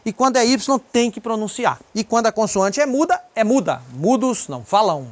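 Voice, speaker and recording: An English teacher with a Brazilian Portuguese accent giving a pronunciation lesson, repeating example words slowly and pointing to written examples. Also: mid-range voice, animated.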